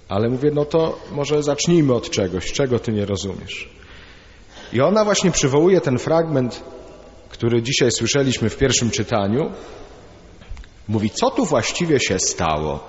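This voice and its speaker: A man, a priest giving a homily, chatting informally with anecdotes and fillers. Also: medium pitch. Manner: conversational, hesitant fillers, tells jokes. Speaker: priest preaching. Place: church. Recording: reverberant dull church sound.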